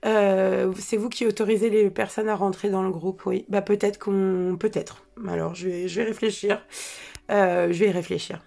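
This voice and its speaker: A woman's voice: mid-range voice, flat delivery, normal speed, vocal fry, dark tone. A French woman hosting a live meditation stream. She chats casually, greets viewers by name, laughs often and hesitates with many fillers and restarts. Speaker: meditation and hypnosis guide. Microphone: microphone on a stand.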